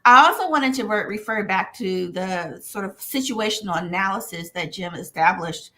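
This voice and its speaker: A woman's voice: mid-range voice, normal speed, pushed and bright. A woman who teaches journalism, speaking as a panel guest in an articulate, lecturing way that builds points in lists. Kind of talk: panel discussion.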